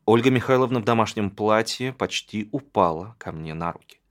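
A man narrating an audiobook in a dramatic, expressive way. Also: lowish voice, fairly quick.

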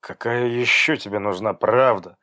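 A man's voice: on the low side, moderate pace, bright, forceful tone. Audiobook: male narrator playing a stern, domineering man, curt and commanding. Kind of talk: audiobook character voice.

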